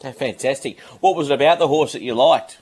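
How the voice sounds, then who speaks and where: A man's voice: mid-range voice, a little fast, darkish tone, a little hiss or hum. A man hosting a radio interview, friendly, with long rambling questions. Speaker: radio show host.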